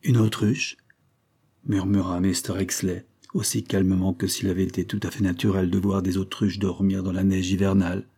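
A man narrates a story in a steady, literary reading style. His voice is low, dark and husky. The delivery is that of an audiobook reading. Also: brisk, hardly any pauses.

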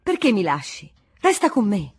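A woman's voice: mid-range voice, wildly swooping pitch, normal speed, a little mellow, slightly rough. A woman reading the lines of a jealous, pleading young pregnant wife in an audiobook, in an anxious, imploring manner.

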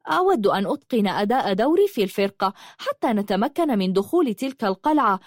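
Gentle young male writer, calm and soft-spoken, voiced by a woman narrator. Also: mid-range voice, fast talker, no room sound, studio quality.

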